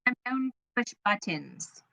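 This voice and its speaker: A woman's voice: mid-range voice, big pitch swings, slow, creaky, bright, forceful tone, no echo, low-quality recording. A woman co-hosting a casual live stream chat, playful and teasing.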